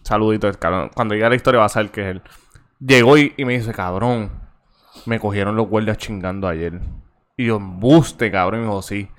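A young man with a Puerto Rican accent, co-hosting a podcast and telling a profane, animated story in casual chat. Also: fairly low pitch, a little fast, clean tone. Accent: Puerto Rican Spanish. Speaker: podcast co-host.

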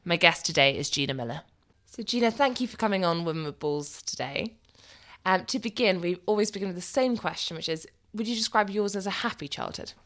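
A woman with a lowish, fairly bright voice speaks in an animated, fairly quick way as a podcast host. In this podcast interview she introduces her guest and asks friendly questions, laughing along as they talk.

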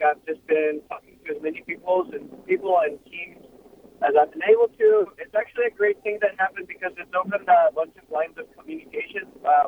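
Brief: young male guest, raised pitch, lively and easygoing, tinny phone line. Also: creaky, slight background noise. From Ecuador. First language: Spanish. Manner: lively, easygoing, many fillers. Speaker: racing guest. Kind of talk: casual phone interview.

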